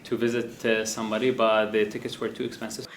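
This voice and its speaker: A young man from Iraq speaking in a measured, hesitant way in an interview. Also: fairly low pitch, level tone, slight background noise. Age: young adult. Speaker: student in the program. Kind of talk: interview testimonial.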